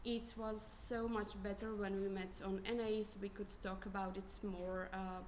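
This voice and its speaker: A woman's voice: mid-range voice, level tone, measured pace, a little mellow. Twenties woman from Croatia, candidate speech, casual with lots of restarts, slight background noise. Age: 20s. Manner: informal, many fillers and restarts.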